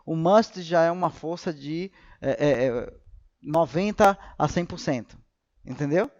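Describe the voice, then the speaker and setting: A man's voice: fairly high pitch, measured pace, darkish tone, highs cut off. A man teaching English in a live class, patiently repeating example sentences.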